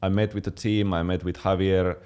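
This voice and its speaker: A young man from Finland chatting casually as a fitness channel co-host, relaxed, with many fillers and restarts. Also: sits low, brisk, smooth. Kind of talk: casual chat.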